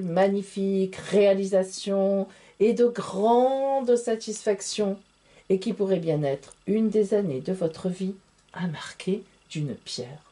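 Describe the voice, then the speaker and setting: A woman doing a tarot reading straight to camera, drawn out and unhurried. Her pitch swings widely as she turns theatrical and full of exclamations, and her tone is mellow and warm. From France. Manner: theatrical, exclamatory, addresses viewers as friends. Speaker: tarot reader.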